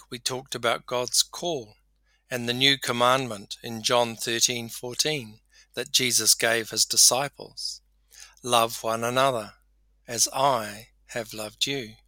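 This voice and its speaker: Slow, bright-voiced man preaching. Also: medium pitch, dry recording. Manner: measured storytelling. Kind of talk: podcast sermon.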